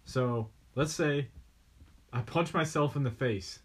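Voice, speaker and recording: Young American male co-host, mid-pitched raspy voice, casual musing banter, cheap phone-mic recording. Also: slow. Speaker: podcast co-host. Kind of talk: casual joking chat. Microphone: one shared phone.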